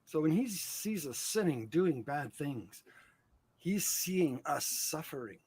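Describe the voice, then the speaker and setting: A man speaking earnestly and reflectively about faith in casual conversation, often trailing off quietly. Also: a little high, very animated, slow. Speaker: channel host. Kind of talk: casual chat.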